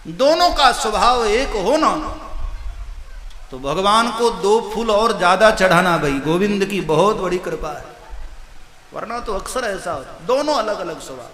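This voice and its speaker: A man's voice: sits high, lively intonation, a little slow, sharp tone. A man giving a devotional discourse, telling humorous stories and voicing the characters' dialogue. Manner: storytelling, voices the characters in dialogue. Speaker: kathavachak. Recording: echoey hall with faint noise.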